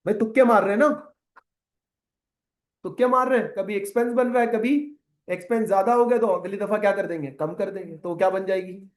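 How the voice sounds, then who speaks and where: Animated high-voiced male lecturer. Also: fairly quick. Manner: animated, rhetorical questions, mixes English terms into Urdu. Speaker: accounting lecturer. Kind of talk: classroom lecture with side rant.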